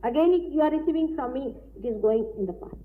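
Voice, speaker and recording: A woman giving a deliberate, explanatory spiritual lecture, heard on an old tape recording. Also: sits high, lively intonation. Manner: deliberate, explanatory, with frequent pauses. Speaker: spiritual teacher. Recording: tinny old lecture tape with faint hiss.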